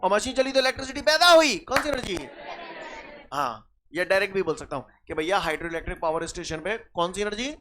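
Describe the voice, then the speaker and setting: Lively high-voiced man teaching physics. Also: quick pace, slight background noise. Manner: lively, quizzes students with rhetorical questions. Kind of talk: classroom lecture.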